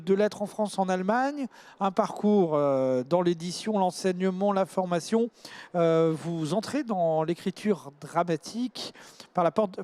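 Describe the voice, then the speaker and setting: High-voiced male interview host. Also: no room sound. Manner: relaxed, encouraging, reads guest bios. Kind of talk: literary interview hosting.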